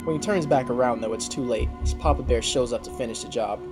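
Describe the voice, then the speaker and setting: Over a loud music bed, a young video commentator recaps a story casually, dropping slang and incredulous asides. His mid-range voice moves fast.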